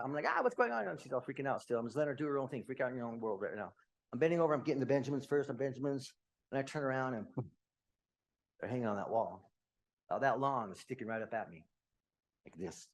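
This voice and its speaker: A man giving a personal testimony talk as a guest speaker, telling his story conversationally, dropping low and quiet and then breaking into loud outbursts. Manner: conversational, uses slang like "man".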